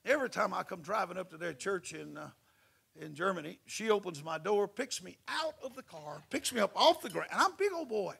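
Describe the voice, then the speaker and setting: A male preacher tells a story in a folksy, lively way. His voice is heavily gravelly and husky, and it sits a little high for a man. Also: a little fast. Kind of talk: sermon with storytelling. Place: church service.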